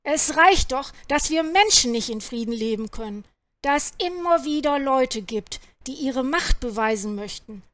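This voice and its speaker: A woman's voice: sits high, expressive, normal speed, a bit bright, no echo. A woman voicing a grumpy, scolding farmer in a storybook reading. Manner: scolding, grumbling.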